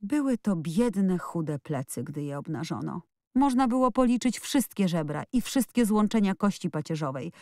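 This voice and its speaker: Woman narrator, audiobook, low voice, dry close sound, expressive. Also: normal speed, no room sound. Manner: expressive storytelling. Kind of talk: scripted narration.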